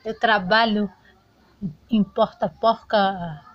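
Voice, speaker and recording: A woman's voice: mid-range voice, steady tone, takes it slowly, no echo, highs cut off, lightly acted. A woman voicing Griselda, a proud single mother who raised her children alone, in a homemade doll soap opera. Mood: firm. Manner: stubborn, insistent. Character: hardworking single mother, abandoned by husband, proud. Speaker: doll novela character.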